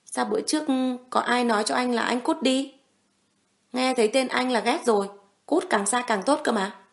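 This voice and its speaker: A woman's voice: on the high side, moderate pace, vocal fry, pitched above the performer's own voice. A protective young hero in a romance audiobook, read by a woman narrator in her own voice. He speaks firmly and soothingly, tender with his beloved, cold and threatening toward enemies. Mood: teasing. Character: protective young man, tender yet menacing.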